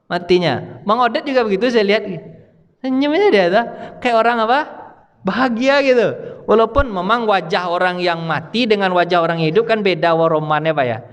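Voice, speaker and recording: A man's voice: high-pitched, fairly bright tone. Man preaching in an echoing hall. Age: younger than his audience. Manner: conversational, asks the audience questions. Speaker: Islamic preacher. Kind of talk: sermon. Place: hall with audience. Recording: long reverb of a hall.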